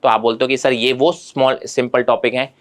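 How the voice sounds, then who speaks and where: A man in an exam-preparation lesson, talking straight to his students and reassuring them. His voice sits at an ordinary middle pitch. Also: flat delivery, a little fast. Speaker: teacher.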